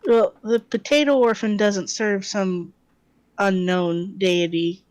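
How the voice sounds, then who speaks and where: A woman's voice: mid-range voice, steady tone, slow, darkish tone, dry recording. A woman playing a tabletop role-playing game, chatting casually with a dry, sardonic manner.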